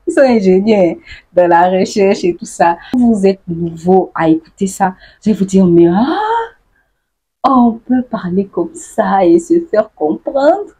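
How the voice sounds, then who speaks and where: A woman vlogger who laughs often and acts out the phrases she explains in a casual, lively way. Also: mid-range voice, unhurried, slightly rough. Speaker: YouTuber explaining local slang.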